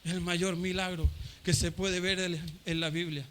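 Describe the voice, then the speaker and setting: A man's voice: high-pitched, flat delivery, a little slow, a little hiss or hum. A man from Chile preaching a fervent Pentecostal sermon, repeating his phrases for emphasis. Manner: fervent, repeats phrases, acts out shouting crowd voices.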